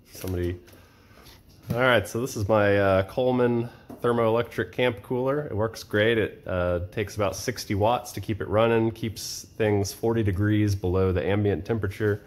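A relaxed man in his thirties talks through his gear in a low, easygoing voice. He chats casually, with plenty of uh fillers. An air conditioner hums clearly in the room behind him. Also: a little hiss or hum. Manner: relaxed, chatty, with frequent uh fillers. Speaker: vlogger showing camping gear. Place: cluttered home storage room and kitchen, indoors.

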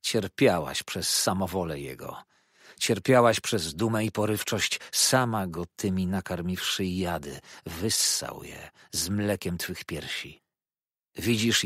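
A man's voice: deep voice, takes it slowly, fairly bright tone, breathy edge, dry recording, clean studio sound, heavily acted. A man reading a furious, vengeful scarred woman. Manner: accusing, declamatory outbursts.

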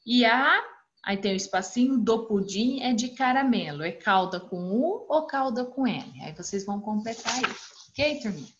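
Patient Brazilian schoolteacher, muffled audio. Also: female voice, fairly high pitch, lively intonation, moderate pace. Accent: Brazilian Portuguese. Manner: patient, walks children through exercises step by step; affectionate, calls the class "turminha". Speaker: primary school teacher. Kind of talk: recorded online class. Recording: dull lo-fi recording.

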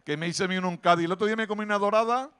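A man with an Andalusian accent doing live stand-up comedy at an outdoor town festival, chatty and teasing the crowd, switching into quick put-on voices. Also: high-pitched, steady tone, fairly bright tone, clean tone.

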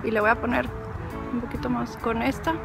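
Mexican woman with a high voice rambling playfully into her camera on a walk outdoors, music going behind her. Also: flat delivery, fairly quick, creaky. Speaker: vlogger. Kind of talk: casual chatty vlog while walking. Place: outdoor city park.

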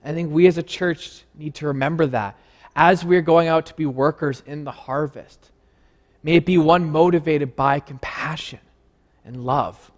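A man preaching a sermon in a church, earnest and conversational, asking the listeners questions. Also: on the high side.

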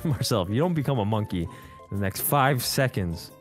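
A man's voice: lowish voice, lively intonation, brisk. A man chatting casually and teasing friends during an online game. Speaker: gamer in group voice chat. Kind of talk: casual gaming banter. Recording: music behind the voice. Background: background music.

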